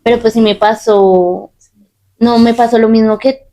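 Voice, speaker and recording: A woman's voice: fairly high pitch, fairly even intonation, unhurried, dark tone. A woman chatting frankly as co-host, her voice slightly away from the mic. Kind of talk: casual chat.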